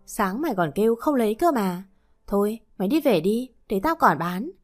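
A woman's voice: medium pitch, animated, normal speed, soft background music, lightly acted. A woman reading aloud, voicing a contemptuous older woman who runs a small eatery and scolds her former worker. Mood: scolding. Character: harsh older woman restaurant owner.

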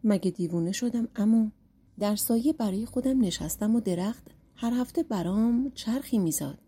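A woman voicing a sly, glib bald young man who tricks people, read in a storybook with a dark, husky voice. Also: fairly high pitch. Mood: scheming. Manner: cheeky, glib, scheming. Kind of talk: storybook narration.

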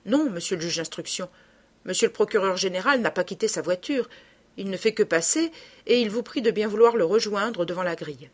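A woman's voice: mid-range voice, fairly quick, lightly acted. Woman reading a sneering villainous clerk. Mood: polite. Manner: sneering, hammering his syllables. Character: menacing male court clerk, cruel villain. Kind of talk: audiobook reading.

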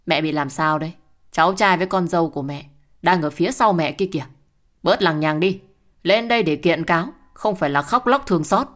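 A woman voicing a brutal, foul-mouthed husband who shouts insults in an audio story. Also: low-pitched, moderate pace, natural voice. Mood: angry shouting.

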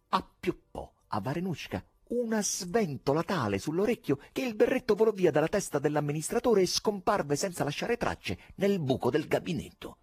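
A man reading a novel aloud as an audiobook narrator, in an expressive, theatrical manner. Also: on the high side, breathy edge, dry recording. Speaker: audiobook reader. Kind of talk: scripted literary narration.

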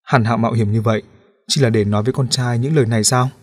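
A man's voice: mid-range voice, fairly even intonation, rapid-fire, dry recording, clean studio sound, lightly acted. A male audiobook narrator voicing a joking young police officer with a light, casual manner.

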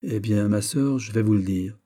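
Rich: A gallant young king, read by a man in an audiobook, courteous and persuasive. The voice sits low, dark and mellow, with a husky grain. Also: normal speed, close to an everyday voice. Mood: coaxing. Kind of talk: audiobook character reading.

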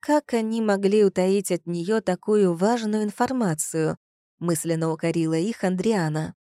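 A woman narrating a detective story in a measured, even reading manner. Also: medium pitch, no room sound, clean studio sound. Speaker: audiobook narrator. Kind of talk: scripted narration.

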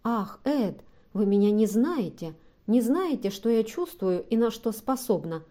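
A woman's voice: on the high side, sing-song, a little slow, dark tone. A woman reading a desperate, pleading young woman. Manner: pleading, tearful. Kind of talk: audiobook reading.

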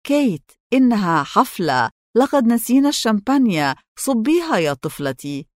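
A woman's voice: fairly high pitch, big pitch swings, moderate pace, dry recording, clean studio sound, voice pushed up. A woman reading an audiobook, voicing a fond older mother figure who speaks in an affectionate, coaxing way.

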